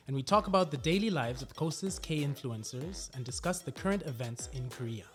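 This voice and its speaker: Upbeat lady host, deep-ish voice, laughs a lot in casual chat.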